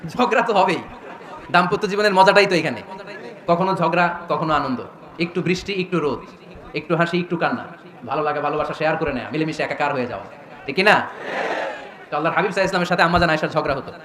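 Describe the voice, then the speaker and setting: A middle-aged man preaching a lively waz sermon, acting out voices and quizzing the crowd. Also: quick pace, pauses often, echoey room. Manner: animated storytelling, asks the crowd questions; acts out quoted voices in a louder, higher pitch.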